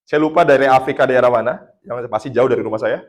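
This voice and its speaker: A man's voice: mid-range voice, fast. A man from Indonesia preaching a casual sermon, telling a testimony in a chatty storytelling way and laughing at his own jokes. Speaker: pastor.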